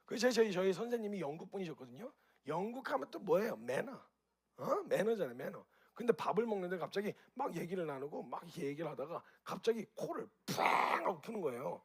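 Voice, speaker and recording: A man with a husky, slightly raised voice speaks quickly to an audience. He keeps it animated, asks them direct questions and acts out reactions with sound effects. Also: high-pitched. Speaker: speaker at a group gathering. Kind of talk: lively spoken talk to an audience.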